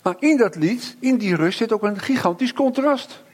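A middle-aged man preaching a sermon, reflective, with slow emphatic pauses and frequent tag questions. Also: sits high, animated, darkish tone.

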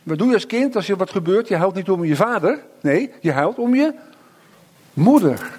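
Husky middle-aged male preacher. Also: high voice, animated, a little mellow. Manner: reflective, slow emphatic pauses with frequent tag questions. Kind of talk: sermon.

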